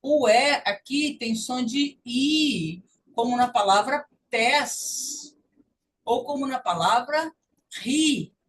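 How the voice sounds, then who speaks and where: Brazilian woman teacher, patient and slow-spoken, heard from across the room. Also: high-pitched, recorded from a distance, a little hiss or hum, rough recording. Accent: Brazilian Portuguese. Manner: patient, repeats sounds slowly to demonstrate. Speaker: language teacher. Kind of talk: online English lesson.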